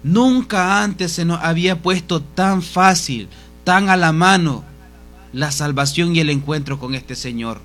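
A man preaching a sermon in a fervent, pleading way, his voice dropping soft each time he addresses the congregation. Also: fairly high pitch, a little slow, soft background music.

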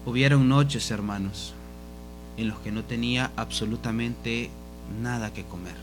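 A man preaching a sermon in a fervent, pleading way, his voice dropping soft each time he addresses the congregation. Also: mid-range voice, unhurried, over music.

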